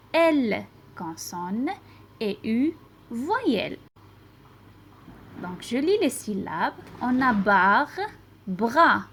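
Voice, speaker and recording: A woman teacher with a Moroccan accent slowly reading and sounding out syllables for young children. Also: fairly high pitch, slightly rough. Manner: pronounces syllables slowly and distinctly, spelling out letters. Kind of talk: slow, deliberate reading lesson for children.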